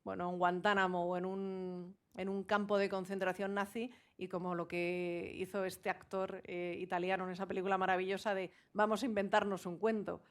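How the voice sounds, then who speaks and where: A woman's voice: on the low side, flat delivery, normal speed, hardly any pauses, clean tone. A woman host interviewing a guest, asking questions and murmuring agreement while listening. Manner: attentive, frequent backchannel murmurs.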